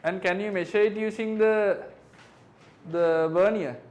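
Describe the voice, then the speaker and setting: Man, high-pitched, physics tutor, exam question review, step-by-step, asks right? and isn't it? often. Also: fairly even intonation, unhurried, darkish tone. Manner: keeps checking understanding with tag questions; works through figures step by step.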